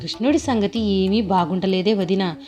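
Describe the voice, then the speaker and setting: A woman's voice: mid-range voice, moderate pace, a little mellow, soft background music, close to an everyday voice. A woman voicing a chatty older village mother who complains at length about her son-in-law. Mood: complaining.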